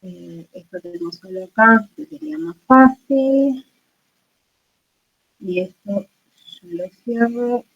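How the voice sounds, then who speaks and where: A woman with an Argentine Spanish accent runs an online chemistry class in a chatty, informal way, speaking slowly with a fairly high, animated voice and frequent pauses. She often checks in with her students and fills her speech with fillers. The video-call audio sounds dull and lo-fi.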